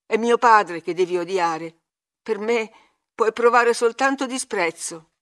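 A woman's voice: medium pitch, unhurried, a bit bright, close to an everyday voice. A woman reading an audiobook, voicing a frail, frightened young man who speaks in a broken, pleading voice.

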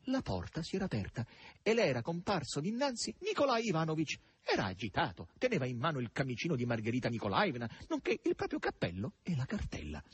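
A man's voice: a little high, wildly swooping pitch, quick pace, husky, dry recording. A man reading a novel aloud with dramatic, lilting narration. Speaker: audiobook reader. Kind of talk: expressive literary narration.

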